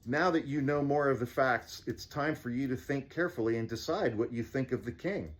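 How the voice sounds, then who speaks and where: A man's voice: medium pitch, brisk, natural voice. A man voicing an earnest, self-important wizard investigator in a theatrical, declaiming way, as part of fireside storytelling. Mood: proclaiming.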